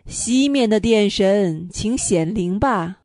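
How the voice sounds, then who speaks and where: A woman's voice: mid-range voice, animated, measured pace, slightly rough, dry recording, studio quality. A woman voicing an earnest young boy shaman. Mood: calling out. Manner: earnest, calls out loudly when summoning. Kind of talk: storybook reading.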